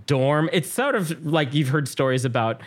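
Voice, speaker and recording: A man hosting a podcast in casual chat, animated, acting out quotes with lots of fillers and restarts. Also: fairly high pitch, normal speed. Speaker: podcast host.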